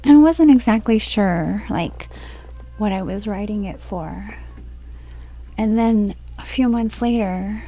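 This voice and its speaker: A woman in her forties from Florida telling a personal story from home in a slow, rambling monologue that drifts onto tangents. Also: medium pitch, mellow. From Florida, USA. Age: 40s. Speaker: spiritual video creator. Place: at home, indoors.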